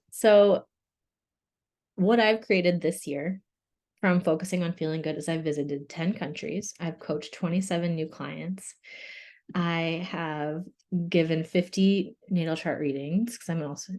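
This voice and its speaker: A woman's voice: on the low side, measured pace, a little mellow. A young adult woman coach giving a candid webinar talk, laughing often and open about her feelings. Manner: candid, laughing, tearful at times.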